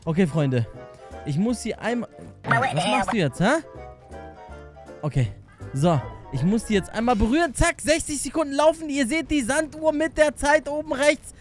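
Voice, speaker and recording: A man's voice: very high voice, animated, normal speed, faint music behind. A young man giving hectic, jokey running commentary on his gameplay, often pleading with the game. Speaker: gaming YouTuber.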